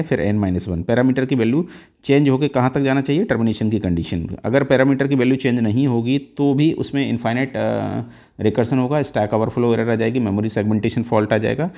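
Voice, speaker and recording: A man teaching an exam-prep lesson on code, mixing Hindi and English and stepping slowly through each value with frequent "uh" fillers. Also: mid-range voice, dark tone.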